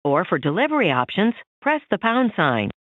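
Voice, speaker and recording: A woman's recorded voicemail prompt, heard over the phone, reading menu options in a clear, measured way. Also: medium pitch, sing-song, background noise. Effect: automated voicemail prompt over the phone. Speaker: automated phone system voice. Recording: tinny phone line.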